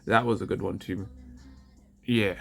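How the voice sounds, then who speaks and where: A man's voice: lowish voice, fairly even intonation, measured pace, creaky, a bit bright, soft background music. A tired young adult man who just woke up, chatting casually in a rambling, slangy way. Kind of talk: casual chat.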